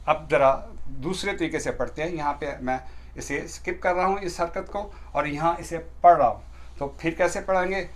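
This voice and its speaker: A middle-aged man with a slightly high voice, teaching beginners how to recite the Quran. He explains each rule patiently and step by step, and he draws out the recited words in slow, stretched tones.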